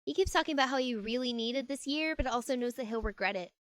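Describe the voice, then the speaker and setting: Voicing a young woman for a fan audio drama, a woman talks fast in a fairly high, fairly bright voice that stays close to her everyday one. Her emphatic, ordinary delivery is earnest, friendly and newly assertive, with a chatty, fond mood. The sound is close and dry.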